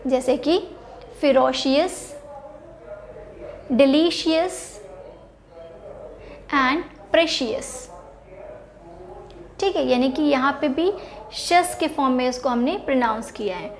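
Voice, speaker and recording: A woman's voice: sits high, expressive, normal speed, a little mellow, a little hiss or hum. A woman teaching an English spelling and pronunciation lesson. She mixes English words into her Hindi, asks questions and then answers them herself, step by step.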